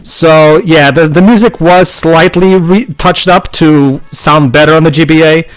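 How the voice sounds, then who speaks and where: A man's voice: fairly high pitch, fairly even intonation, measured pace, low-quality recording. A man hosting casual gaming commentary, often stammering and repeating his words.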